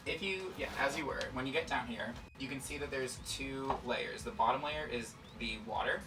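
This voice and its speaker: A man's voice: mid-range voice, normal speed, recorded from a distance, music in the background, low-quality recording. An American man hosting a casual science demonstration in a campy, informal way. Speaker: host, chemist presenter.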